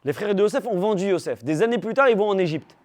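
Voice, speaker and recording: High-voiced man teaching a lively class. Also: fast talker. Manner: animated, asks rhetorical questions, checks in with listeners; teasing humor with the audience. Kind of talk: lively religious class talk.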